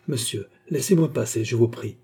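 A man's voice: mid-range voice, normal speed, vocal fry, dark tone, breathy edge. A man voicing a frightened, cornered male gazette writer who pleads in panic. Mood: pleading.

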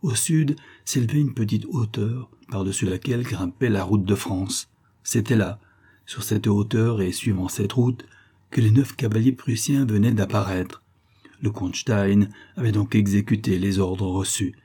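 A man reading an audiobook aloud, telling a first-person adventure with expressive, dramatic swells. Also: on the low side, a little slow, slightly rough. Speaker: audiobook narrator. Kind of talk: scripted audiobook narration.

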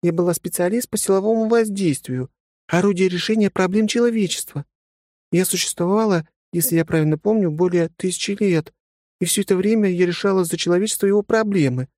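A brusque ancient warrior woman, now somebody's wife, talks in a high, bright, teasing voice, as a male reader puts her on. She sounds clipped and matter-of-fact, close and dry, with no room around her. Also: fairly quick, dry recording, close to an everyday voice. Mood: wistful. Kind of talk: audiobook character voice.

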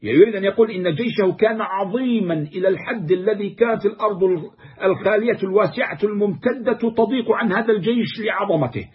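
A man's voice: high voice, quick pace, husky. A man lecturing on classical poetry, reciting verses and then explaining them word by word. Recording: dull, muffled lo-fi recording.

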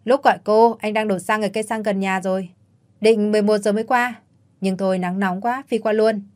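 A woman voicing a lively, joking young man who talks fast and loud. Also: medium pitch, lightly acted. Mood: teasing. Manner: quick, loud and breezy.

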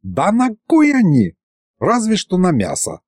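A man's voice: sits high, huge pitch swings, measured pace, a little mellow, breathy edge, no echo, studio quality, pitched above the performer's own voice, heavily acted. A man voicing a grumpy, stingy old grandfather who grumbles his objections. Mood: grumbling.

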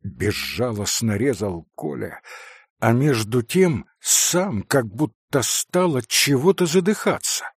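Slow, gravelly male audiobook narrator. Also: medium pitch, expressive, no echo, clean studio sound.

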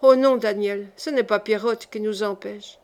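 A woman's voice: medium pitch, fairly even intonation, moderate pace, a little mellow, natural voice. A woman reading the part of a discouraged, lovesick young man in an audiobook, speaking dejectedly. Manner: dejected, sighing.

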